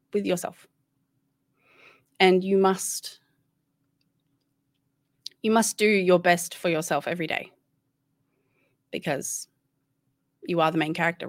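An Australian woman in her thirties, appearing as a guest, chats casually and candidly in an interview, rambling with many restarts. Her voice is medium-pitched, captured in a dry, studio-quality recording.

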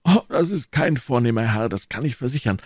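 A proud old nobleman, as a male reader puts him on, pitched higher than the reader's own voice and emphatic. He sounds close and dry. The voice has a formal, insistent edge. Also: expressive, a little fast, darkish tone, husky, no room sound. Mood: recounting.

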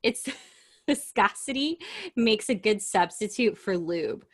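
A woman's voice: mid-range voice, animated, slow pace, no echo, studio quality. A woman co-hosting a casual podcast chat, blunt and profane, reading items from a list and laughing often. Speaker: podcast co-host.

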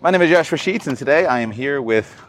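A man's voice: medium pitch, lively intonation, quick pace. A man hosting a podcast interview, friendly and asking short follow-up questions. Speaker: podcast host.

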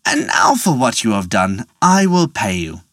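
Storyteller doing a gentle old man, low, measured. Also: very animated, no echo, studio quality. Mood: grateful. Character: kindly old man who rewards the hero.

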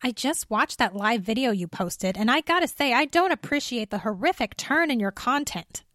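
A woman's voice: animated, normal speed, dry recording, studio quality. A woman doing a prim, scolding commuter lady. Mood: indignant scolding. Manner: scolding, indignant, raised higher and louder. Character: disapproving middle-aged woman commuter, prim.

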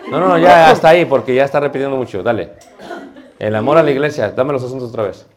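A man with a Mexican accent coaching church speakers informally, brisk and teasing, giving short commands. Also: medium pitch. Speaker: public speaking teacher for church preachers.

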